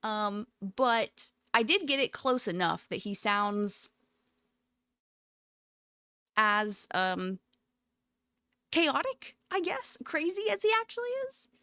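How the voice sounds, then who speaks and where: A woman's voice: fairly high pitch, very animated, takes it slowly, long pauses, sharp tone, dry recording, clean studio sound. Giggly woman chatting on stream. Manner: giggly, rambling, full of "like" fillers. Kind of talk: casual livestream chat.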